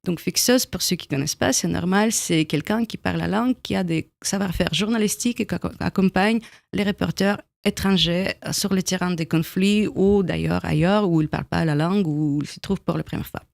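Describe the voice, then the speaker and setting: Russian-accented woman with a gravelly voice. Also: fairly low pitch, dry recording. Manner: thoughtful, halting, with many pauses and small grammar slips. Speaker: guest, documentary filmmaker. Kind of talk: radio interview. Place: radio studio.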